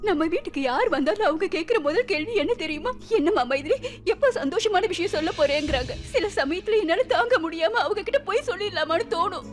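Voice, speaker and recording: A woman's voice: very high voice, lively intonation, fast, faint music behind. An actress playing a grief-stricken young wife, crying as she talks, in a TV serial drama. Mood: tearful.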